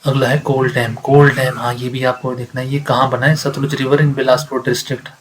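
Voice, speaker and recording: In a rough recording with slight background noise, a man with a mid-range voice lectures fairly quickly and flatly on exam facts. He repeats key points, asks himself questions and answers them, and mixes in English readings.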